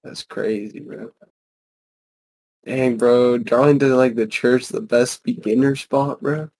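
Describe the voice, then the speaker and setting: Chill young dude on a podcast, slangy, says bro constantly, easygoing. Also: male voice, medium pitch, fairly even intonation, takes it slowly, a little mellow. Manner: laid-back slangy, says bro a lot. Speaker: podcast host. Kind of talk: casual chat.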